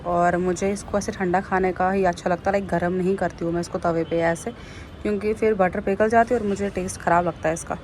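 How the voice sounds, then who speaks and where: A woman's voice: mid-range voice, slight background noise. A young woman from Jammu, chatting playfully to viewers in a casual home vlog and often laughing at herself. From Jammu, India. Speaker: vlogger. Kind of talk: casual daily-life vlog chat. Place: at home indoors, later on a balcony.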